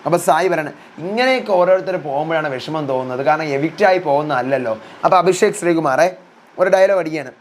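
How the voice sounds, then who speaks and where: A young man hosts his own review channel and rattles through an episode recap at a brisk clip. His voice sits a little high for a man, and he keeps the delivery loose and conversational. A faint ambient hum sits under the recording. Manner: rapid chatty retelling, voicing housemates' quotes. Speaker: reality show reviewer, channel host. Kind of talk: casual spoken episode recap.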